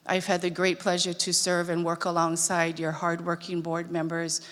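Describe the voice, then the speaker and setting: Flat-voiced woman in a reverberant hall. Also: on the low side, normal speed. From Hawaii. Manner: orderly, listing points steadily. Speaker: board candidate speaker. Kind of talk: formal convention speech. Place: large convention hall.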